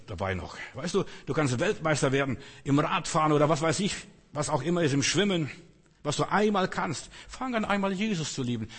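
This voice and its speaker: A man's voice: fairly high pitch, breathy edge. A man preaching a sermon, earnest and coaxing, speaking directly to his listeners. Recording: long hall reverb.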